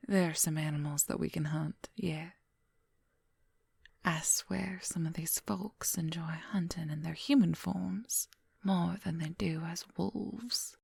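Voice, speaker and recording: A woman acts out an affectionate female werewolf in an ASMR roleplay, whispering intimately right up close in a full character voice. Her lowish voice is slow, breathy and steady, with gentle, playful teasing, and the mood feels casual and informative. The close microphone gives a dry, near sound with no echo.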